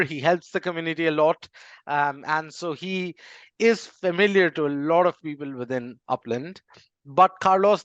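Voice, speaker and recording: Man, interview host, fairly high voice, friendly questions, dry dull audio. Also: fairly bright tone, no echo. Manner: friendly, steering questions with fillers. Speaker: podcast host. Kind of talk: interview hosting.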